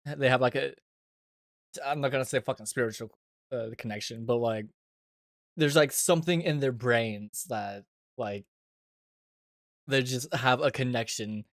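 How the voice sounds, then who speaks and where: A man's voice: medium pitch, measured pace, long pauses, no room sound, clean studio sound. A man streaming casual reaction commentary, talking informally with lots of "like" and some swearing.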